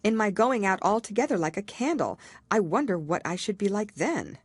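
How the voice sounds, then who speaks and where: A woman's voice: mid-range voice, sing-song, moderate pace, husky, no room sound, voice pushed up. A woman voicing a curious, polite little girl in a storybook, thoughtful and given to talking to herself. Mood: nervous, wondering.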